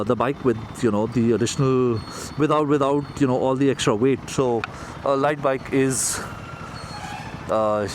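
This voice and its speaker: A man with an Indian accent giving casual motovlog commentary, speaking into his helmet as he rides a motorbike outdoors. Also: mid-range voice. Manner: talking into his helmet while riding. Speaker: motorcycle reviewer. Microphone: mic inside helmet. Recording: noisy road and engine sound, helmet mic.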